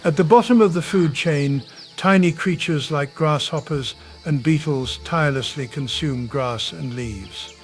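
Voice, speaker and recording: A man narrating a nature documentary from a script in a dramatic, measured, portentous way. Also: a little high. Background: music.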